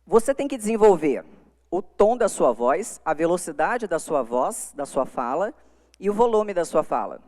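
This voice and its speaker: A woman's voice: lowish voice, big pitch swings, moderate pace, mellow. A middle-aged woman with a Brazilian accent gives a live lecture on communication to young lawyers, speaking emphatically into a microphone. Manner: emphatic, demonstrative, shifts volume to make points. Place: conference hall before an audience. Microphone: handheld microphone. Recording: long hall reverb.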